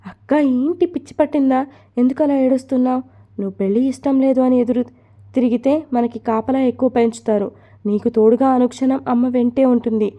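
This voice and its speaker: A woman voicing a caring younger sister who calmly reassures her older sister. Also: a little high, dull audio, lightly acted. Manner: reassuring, persuasive.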